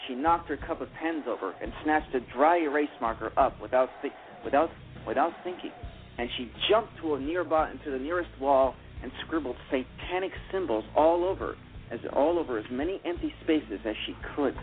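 Over tinny, phone-line-style radio audio, a man narrates a novel for a radio play. He reads steadily at a moderate pace in a slightly high voice, often correcting himself along the way.

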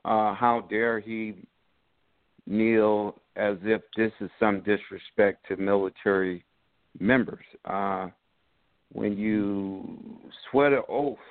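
A man's voice: fairly low pitch, steady tone, dry recording. Middle-aged guy calling in over the phone, lots of uhs, dry tinny line. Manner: halting, many "uh" pauses. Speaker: caller. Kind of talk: call-in sports talk.

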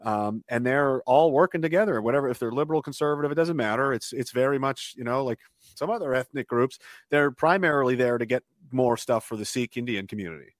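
Man, podcast guest, mid-pitched voice, rambling, restarts sentences, dry close mic. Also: fairly quick, no room sound. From Canada. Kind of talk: casual podcast conversation.

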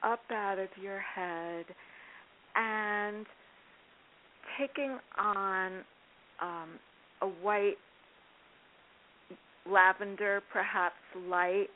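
A woman therapist guiding a calm grounding exercise in measured, halting phrases with pauses. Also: medium pitch. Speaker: guest therapist. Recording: hissy, narrowband phone-like line.

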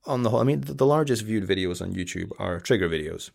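A man in his thirties talks casually as a podcast guest, in a lowish, gravelly voice with a husky edge. He speaks earnestly and often restarts his sentences, repeating words along the way. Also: lively intonation, quick pace, darkish tone. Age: 30s. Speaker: podcast guest, ASMR YouTuber. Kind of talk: casual interview chat.

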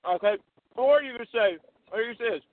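A man's voice: very high-pitched, a little fast. A man on the phone giving crude advice to a friend, profane and mock-tough, acting out the lines he suggests. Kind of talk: casual phone chat. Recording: tinny phone line.

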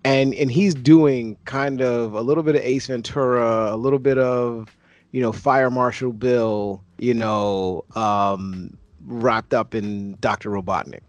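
Podcast co-host, male, thirties, easygoing rambling reviewer, mid-pitched, dry mic. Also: fairly even intonation, a little slow, no room sound. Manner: rambling, self-correcting. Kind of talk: casual movie review chat.

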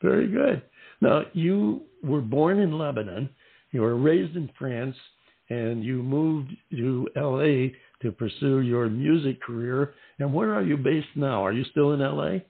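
A man's voice: mid-range voice, expressive, unhurried, gravelly, breathy edge. A male host interviewing a musician, talking in a formal, courteous way with long winding questions. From lived in Southern California. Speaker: radio show host. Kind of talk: interview on a phone line. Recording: tinny phone-line sound.

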